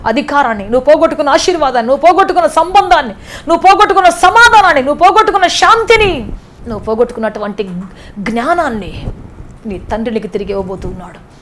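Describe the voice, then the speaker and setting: Fervent high-voiced woman preacher. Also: a little hiss or hum. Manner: fervent, rising to impassioned cries in prayer. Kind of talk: sermon and prayer.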